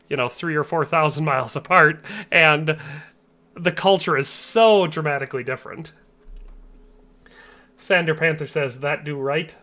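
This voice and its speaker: A young man from the Upper Midwest chats casually on a game livestream and reads viewer messages aloud. He laughs easily as he goes. His voice sits a bit high and rings bright. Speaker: game streamer.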